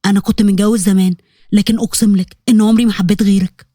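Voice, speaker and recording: Casting: a woman doing a pleading young man, Egyptian accent, soft earnest tone, fast dry read. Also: medium pitch, fairly even intonation, no room sound, lightly acted. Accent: Egyptian Arabic.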